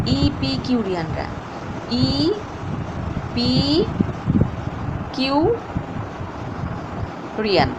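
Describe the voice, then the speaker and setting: A woman tutor running an exam revision drill, repeating each answer and breaking hard words into syllables. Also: fairly high pitch. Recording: loud background noise.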